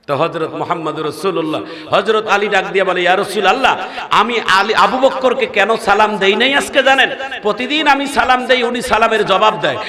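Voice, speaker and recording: A man preaching a sermon to a crowd under a stage pandal. He tells stories in a chanting, shouted voice and calls on the audience to answer. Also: sits high, a little fast. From Bangladesh. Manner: chanting, shouted storytelling with crowd call-and-response. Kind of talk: Bengali waz sermon to a live crowd. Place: outdoor stage pandal before a large crowd. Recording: reverberant open-air PA recording with crowd noise.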